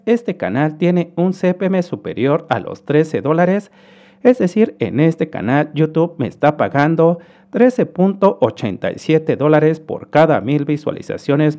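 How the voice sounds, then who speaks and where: A man's voice: fairly high pitch, warm tone. A man from Mexico with a Mexican Spanish accent, hosting a screen-recorded commentary and explaining figures to viewers in a friendly way. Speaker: host.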